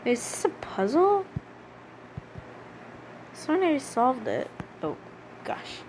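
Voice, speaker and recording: A woman's voice: sits high, wildly swooping pitch, takes it slowly, a little mellow, slight background noise, low-quality recording. A young woman casually commenting while playing a game, playful and chatty, sometimes chanting in a sing-song way. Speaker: gaming channel host.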